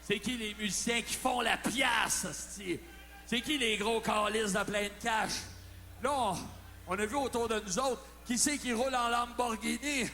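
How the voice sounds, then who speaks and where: A man with a Quebec French accent doing loud, swearing, mock-serious comedic banter between songs at a live concert. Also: extremely high pitch, measured pace, big-room sound, faint music behind. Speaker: singer and frontman. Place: concert venue stage.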